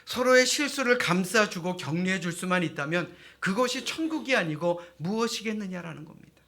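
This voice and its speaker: Male pastor, sermon, bright tone, slightly high pitch, emphatic questions, church sanctuary. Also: lively intonation, fairly quick. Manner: emphatic rhetorical questions to the congregation.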